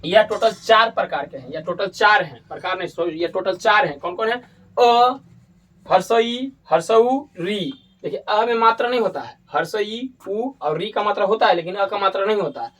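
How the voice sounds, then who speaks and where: A man teaches grammar as if in a classroom, his high, somewhat bright voice captured away from the mic at a normal pace. His explanation proceeds step by step, with repetitions and corrections of small slips.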